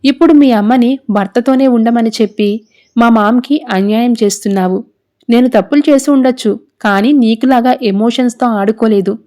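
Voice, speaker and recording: Woman reading a sarcastic scheming rival girl, accusing, highish soft voice. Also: moderate pace, lightly acted. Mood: taunting. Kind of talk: serial recap narration.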